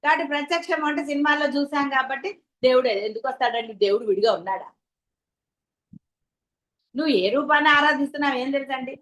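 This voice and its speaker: High-voiced woman giving a devotional talk. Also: fast talker, pauses often, fairly bright tone, rough recording. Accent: Telugu. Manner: rhetorical questions to listeners. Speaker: spiritual teacher. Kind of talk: devotional discourse.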